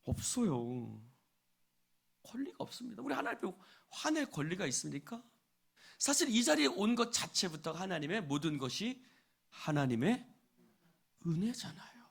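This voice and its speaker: Korean pastor guy preaching, high voice, super lively, acts out all the voices. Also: moderate pace, vocal fry, pauses often, slightly rough. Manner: dramatic, acts out quoted voices, asks the congregation questions; shifts between loud exclamations and quiet asides. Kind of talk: sermon. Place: church service.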